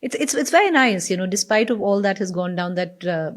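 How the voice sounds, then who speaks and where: Casting: female podcast interviewer, Indian accent, medium pitch, conversational. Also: animated, fairly quick.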